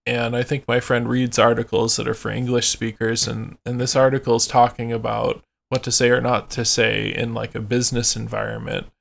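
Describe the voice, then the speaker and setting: A man's voice: mid-range voice, flat delivery, a little fast, gravelly, few pauses, a bit bright. A man hosting a podcast in casual chat, reading out phrases and explaining them with lots of fillers. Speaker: podcast host.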